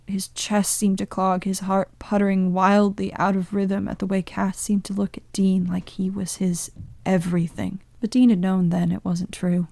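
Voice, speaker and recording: A woman reading a story aloud as narrator, in a gentle, measured way. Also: mid-range voice, gravelly, no room sound. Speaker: podfic reader. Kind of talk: scripted narration.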